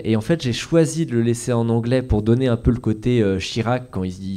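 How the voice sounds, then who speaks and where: A man, a comics author, telling an audience about his work in a relaxed, hesitant way with many filler sounds. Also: mid-range voice. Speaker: comics author at a library talk. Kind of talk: casual talk to an audience.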